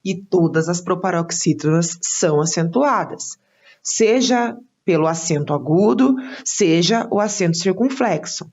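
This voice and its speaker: Brazilian female teacher, steady read explanation, lowish voice, muffled lo-fi recording. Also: a little slow. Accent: Brazilian Portuguese. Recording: dull lo-fi sound.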